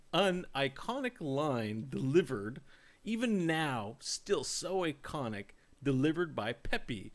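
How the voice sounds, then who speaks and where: A man hosting a casual livestreamed gaming podcast, rambling and joking as he draws out his setups. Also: mid-range voice. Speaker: podcast host.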